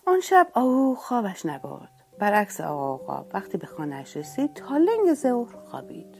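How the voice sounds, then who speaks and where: A woman narrating a children's animal story with an expressive, swooping delivery. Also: mid-range voice, gravelly.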